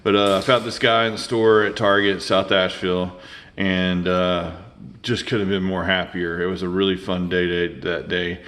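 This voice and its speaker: A man's voice: sits low, level tone, moderate pace, fairly bright tone. A man, rambling casually through a toy review with lots of fillers and restarts.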